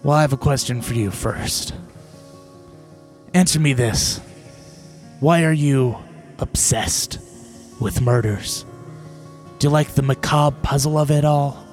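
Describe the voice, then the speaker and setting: A man voicing a sly, cynical man lurking in shadows, gravelly and sardonic, in a tabletop game. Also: mid-range voice, slow, pauses often, lightly acted. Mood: wry, probing. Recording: background music under the voice.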